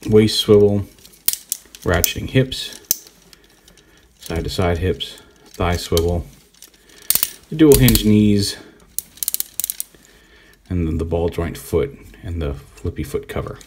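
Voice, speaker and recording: A man giving a relaxed, rambling hands-on toy review, thinking aloud as he poses the figure. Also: low voice, slow pace, pauses often, slight background noise. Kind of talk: casual hands-on product review.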